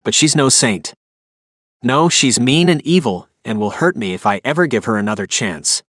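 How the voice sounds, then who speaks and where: A man's voice: medium pitch, animated, normal speed, fairly bright tone, no room sound, clean studio sound. Man narrating a romance audiobook. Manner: emotive, inner-monologue delivery. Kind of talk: first-person romance narration.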